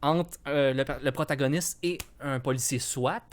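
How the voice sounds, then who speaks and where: Young Quebec podcast co-host, man, mid-range voice, halting and unsure, casual chat. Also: medium pitch. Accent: Quebec French. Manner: hesitant, restarts often, self-doubting. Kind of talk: casual film discussion.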